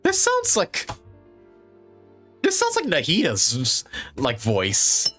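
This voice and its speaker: A man's voice: on the high side, huge pitch swings, slow, pushed and bright, faint music behind. A young man live-streaming a game, reacting with jokes, laughter and swearing. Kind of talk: casual live-stream commentary.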